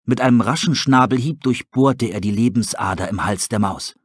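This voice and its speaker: Male audiobook narrator, husky tone, dry close sound. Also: medium pitch, normal speed, dry recording. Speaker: audiobook reader. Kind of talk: storybook narration.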